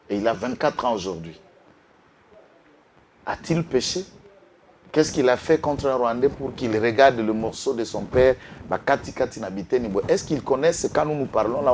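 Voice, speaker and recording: A man's voice: mid-range voice, darkish tone, slight background noise. A man from Congo, speaking with passion as a guest on a political talk show and mixing in Lingala. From Congo-Kinshasa. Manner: impassioned, switches between French and Lingala, rises to outbursts.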